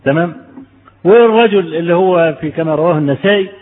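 A man's voice: a little high, fast, big-room sound, phone-quality sound. A man with an Egyptian Arabic accent preaching a conversational sermon, telling stories and asking his listeners rhetorical questions. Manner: storytelling, rhetorical questions to the audience.

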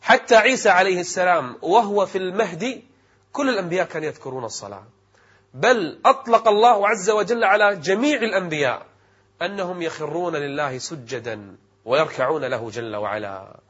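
Husky male preacher in formal standard Arabic. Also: high voice, expressive, fairly quick, a bit bright. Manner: formal classical Arabic diction; emphatic, rhetorical delivery with repeated phrases. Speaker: Islamic preacher presenting a religious programme. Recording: dull, muffled lo-fi audio.

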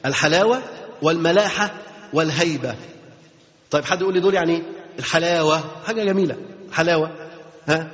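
An Egyptian-accented man teaches religion at a quick clip in a fairly high voice. He keeps asking his listeners questions and repeating phrases for emphasis. The recording is dull and lo-fi, with a long hall reverb. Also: fairly even intonation, a bit bright. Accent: Egyptian Arabic. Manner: asks the audience rhetorical questions and repeats key phrases. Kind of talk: Islamic religious lesson.

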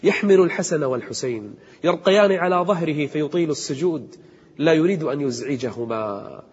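A man giving an impassioned sermon, slowing down to chant verses. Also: on the high side, expressive, husky. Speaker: preacher. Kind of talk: emotional sermon. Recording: echoey hall on a dull cassette tape.

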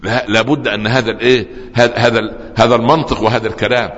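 Preacher in a reverberant hall. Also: male voice, mid-range voice, racing. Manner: lively storytelling with humor and audience asides. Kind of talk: sermon. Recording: dull lo-fi recording with long hall reverb.

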